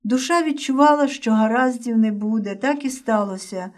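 A woman narrating a story in a measured, emotive reading voice. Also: on the high side, far from the mic.

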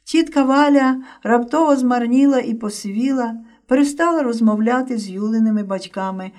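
Female story narrator, emotive measured reading, slightly distant mic. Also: fairly high pitch, darkish tone.

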